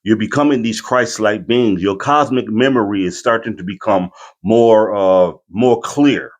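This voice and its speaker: Low-voiced man giving casual spiritual commentary. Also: a little slow. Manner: explanatory, addressing viewers familiarly. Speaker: host of a reaction video.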